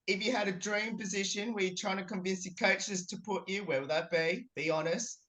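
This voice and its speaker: A man's voice: sits high, brisk, bright, forceful tone, low-quality recording. A young man asking casual questions as a sports interviewer over a video call. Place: indoor room at home, video call.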